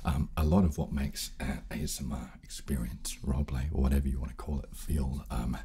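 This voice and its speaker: This ASMR host, a man in his thirties, murmurs gentle, halting instructions into a close studio microphone while seated at a table in a small indoor room. His rumbling low voice stays steady and moves fairly quickly, soft and hushed with occasional breathy whispering.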